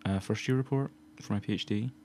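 This Scottish podcast co-host, a Glasgow man in his twenties, speaks fairly quickly in a fairly low, darkish voice. The chat is casual, full of rambling and frequent laughter.

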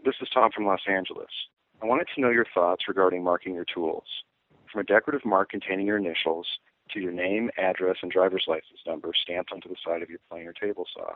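A deep-voiced man heard through a voicemail recording on a tinny phone line. He reads his question briskly and deliberately, with a dry, close sound. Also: dry recording. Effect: voicemail played back over a phone line. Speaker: caller. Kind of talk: reading a prepared question.

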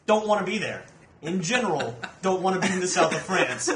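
A man's voice: high voice, expressive, fairly quick, very noisy. A young man in casual group chat, blunt and profane, often laughing as he talks. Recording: echoey room.

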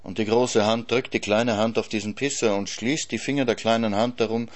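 A man giving a literary reading, sober and measured, with dry ironic asides. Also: on the low side, fairly even intonation. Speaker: reader.

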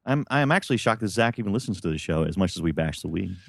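A man's voice: low voice, expressive, very fast, gravelly, dry recording, clean studio sound. A man co-hosting a casual podcast, making playful quips and agreeing with his co-host.

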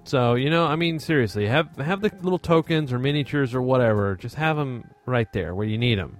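A man's voice: medium pitch, expressive, brisk, soft background music. A man co-hosting a casual tabletop gaming chat, giving easygoing advice and often saying "you know, man". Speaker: podcast co-host.

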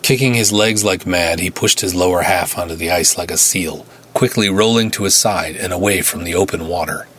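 Husky low-voiced male storyteller. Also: normal speed, few pauses. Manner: steady, dramatic storytelling. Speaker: author reading his story. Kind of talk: scripted story narration.

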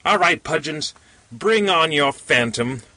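A man voicing a small, affable, jaunty man who frightens easily, lifting his voice high and bright. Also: sing-song, measured pace, heavily acted. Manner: chirpy, cheerful, raised voice. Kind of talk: storybook reading.

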